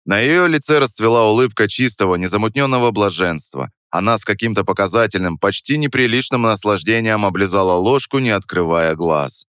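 A man reading a first-person audiobook in a calm, measured, wry way. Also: lowish voice, clean tone, no room sound, clean studio sound. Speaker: audiobook narrator.

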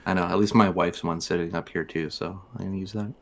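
A man with a low voice talks as a podcast co-host in casual conversation. He has the easygoing, unbothered drawl of a stoner hanging out with friends. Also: fairly even intonation, quick pace, gravelly. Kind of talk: casual chat.

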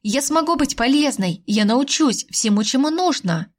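Woman voicing an indignant young wife, higher pitched. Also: animated, normal speed. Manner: sharp, pleading, sarcastic.

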